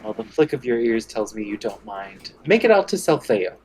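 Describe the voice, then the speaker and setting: A man playing his character in a tabletop game, speaking in a smooth, flirtatious way. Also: mid-range voice, big pitch swings, normal speed, a little mellow. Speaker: player. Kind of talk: in-character tabletop role-play.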